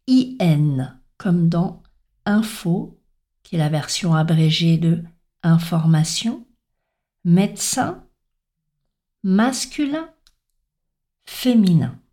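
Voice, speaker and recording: A woman gives a slow, deliberate spoken lesson on sounds. Her voice is soft and mellow, and she spells out letters one by one with clear stress on each example word. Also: fairly low pitch. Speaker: French pronunciation teacher.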